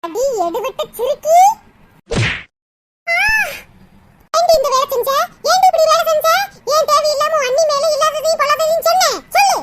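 A voice actor playing a fierce, scolding village mother-in-law in a cartoon. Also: a little fast. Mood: furious. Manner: scolding, shrill nagging. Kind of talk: cartoon dub acting. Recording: loud background noise.

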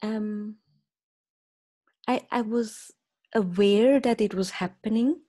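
A woman from Switzerland with a Swiss German accent, a podcast guest on a video call, telling a personal story in a hesitant, soft-spoken way with many fillers. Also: mid-range voice, takes it slowly, dry recording, studio quality. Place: small room indoors. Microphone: video call with earbuds.

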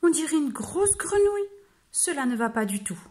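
A woman's voice: sing-song, normal speed. A woman voicing a grumpy big male wolf who is never pleased with himself, exclaiming in a raised voice, reading a children's storybook. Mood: dismayed. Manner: exclaiming, higher and louder than her narration.

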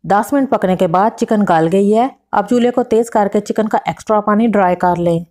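Woman narrating a home recipe. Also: mid-range voice. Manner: steady step-by-step instructions with measured quantities. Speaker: cooking channel host.

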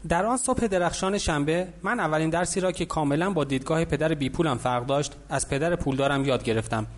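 A man narrating an audiobook, reading steadily and lightly voicing the characters in the dialogue. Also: fairly high pitch.

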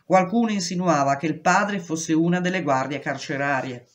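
A woman reading a memoir aloud in a steady, measured voice. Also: low voice. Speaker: reader.

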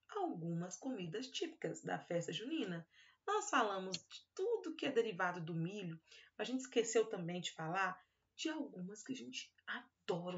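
A woman with a Brazilian accent, a kindergarten teacher giving a recorded class for young children. She stretches syllables slowly and talks fondly to the kids. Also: medium pitch, highs cut off. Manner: drawn-out syllables and fond little-word talk to children.

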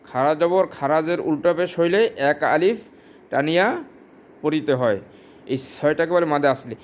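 A man's voice: fairly high pitch, a little hiss or hum. A man from Bangladesh, teaching Quran pronunciation and asking questions he then answers himself. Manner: explains slowly with rhetorical questions, drawn-out Arabic examples. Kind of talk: religious lesson on Quran pronunciation.

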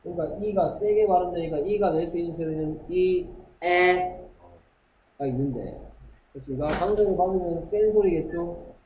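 Male teacher, warm mellow voice, slightly high pitch, lecturing a class, echoey classroom. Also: a little hiss or hum. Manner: repeats a checking question, reads English slowly. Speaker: English teacher.

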